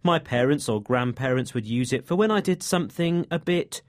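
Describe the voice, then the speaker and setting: A man's voice: medium pitch, expressive, moderate pace, no room sound, studio quality. Mock-stern man hosting a lesson. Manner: mock-stern, patiently explaining. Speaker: host. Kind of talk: scripted language-lesson banter.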